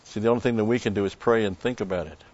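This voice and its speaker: A man preaching a sermon in a measured way, with emphatic stresses. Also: lowish voice, fairly even intonation, a little mellow, dull audio. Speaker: pastor.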